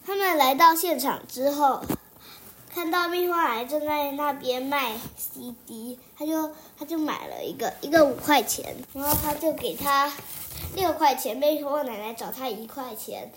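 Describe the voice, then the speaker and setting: Young child telling an improvised story. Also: female voice, high-pitched, normal speed, a little hiss or hum. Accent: Taiwanese Mandarin. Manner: rambling, restarting sentences, singsong repeated phrases.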